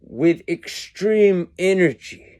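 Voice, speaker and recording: A man talks slowly through a meandering philosophical monologue, his voice pitched a little high and swooping widely up and down. He mocks himself as he goes, and his accent slips in and out. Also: expressive, darkish tone. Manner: meandering, self-mocking, drifting in and out of a put-on accent. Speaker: video creator musing on numbers and words.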